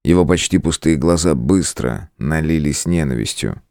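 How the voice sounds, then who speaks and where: A male audiobook narrator with an extremely deep, low voice who tells the story in a measured, dramatic way. The sound is dry and close to the mic, with no room around it. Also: lively intonation, gravelly, a little mellow, clean tone, no room sound.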